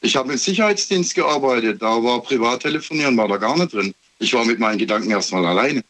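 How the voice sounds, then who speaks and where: A man from Heilbronn calling in to a radio show and haltingly telling a personal story with many pauses. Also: medium pitch, lively intonation. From Heilbronn, Germany. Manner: hesitant, many fillers and restarts. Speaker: caller. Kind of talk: recounting a personal story on a call-in. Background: radio playing quietly.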